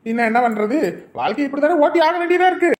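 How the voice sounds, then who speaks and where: A woman's voice: high-pitched, animated, fast, darkish tone. A woman in a village comedy skit playing a henpecked husband who teases and grumbles about his wife. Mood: teasing. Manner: teasing and grumbling.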